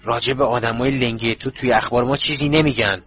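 A man's voice: medium pitch, fairly even intonation, fairly bright tone, a little hiss or hum, close to an everyday voice. Stout bullying uncle, voice quivering with rage, a male reader puts him on. Storybook reading, dull lo-fi audio. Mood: angry. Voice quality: voice shaking with anger. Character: furious bullying middle-aged uncle, stout, red-faced.

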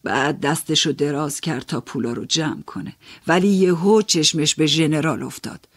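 Brief: male audiobook narrator, slightly high voice, measured, dry studio sound. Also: no room sound. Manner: measured, storytelling, first-person.

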